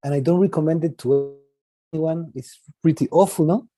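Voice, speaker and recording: A man's voice: on the high side, normal speed, mellow. A man in his forties from Chile with a Chilean accent, a native Spanish speaker, giving an informal talk and often tagging sentences with a questioning "no?". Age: 40s. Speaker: guest speaker.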